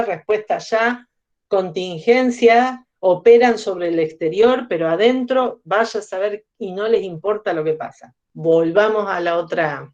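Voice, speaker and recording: Woman lecturing. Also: medium pitch. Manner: explanatory, asks the audience questions. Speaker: psychology lecturer. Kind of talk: lecture to a class. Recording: slightly dull lo-fi sound.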